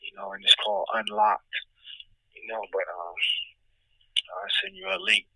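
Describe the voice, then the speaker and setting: An American man speaking candidly in an interview on a prison phone, with a raspy voice and emphatic, repeated check-ins with his listener. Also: high voice, wildly swooping pitch, moderate pace, bright, forceful tone, dry recording. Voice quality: raspy, gravelly. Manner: emphatic, frequent "you know what I'm saying" check-ins. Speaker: interviewee, incarcerated poet. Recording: dry, close prison phone call.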